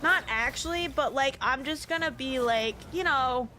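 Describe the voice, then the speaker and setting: A woman's voice: sits high, normal speed, sharp tone, a little hiss or hum. A woman from the Midwest, chatting in a rambling, filler-heavy way while she streams a game and laughs often. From American Midwest. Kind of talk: casual gaming stream chat. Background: game music.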